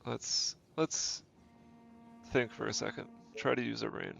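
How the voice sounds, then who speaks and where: A male game streamer with a cold-stuffed nose thinks aloud and corrects himself during easygoing, casual gameplay commentary. His medium-pitched voice is unhurried, creaky and fairly bright, with fairly even intonation. The lo-fi stream audio is dull, with faint game music behind him.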